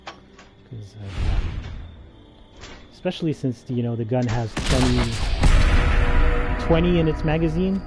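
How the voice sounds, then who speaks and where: A man's voice: medium pitch, expressive, slow, pauses often, loud music behind the voice. A man streaming a game, giving casual, hesitant commentary with many fillers and restarts. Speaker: gaming livestreamer.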